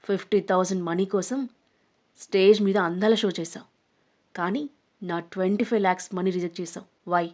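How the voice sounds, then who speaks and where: A woman voicing an arrogant, threatening young man in an audio story, speaking low and mocking. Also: steady tone, normal speed, darkish tone, natural voice. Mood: menacing. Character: menacing arrogant young man, a rich bully. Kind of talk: storybook narration.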